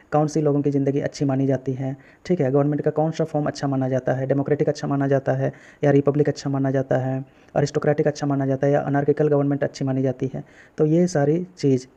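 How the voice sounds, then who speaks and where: A man's voice: mid-range voice, warm tone, muffled recording. A male political science teacher, giving a recorded exam-prep lecture and often checking whether students have understood. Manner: explains step by step, checks understanding with repeated questions.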